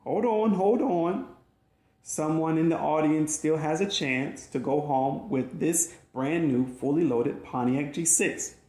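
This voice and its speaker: A man's voice: on the high side, steady tone, measured pace, few pauses, a little mellow. A man narrating his own audiobook in an emphatic, dramatic storytelling manner. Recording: roomy echoey recording.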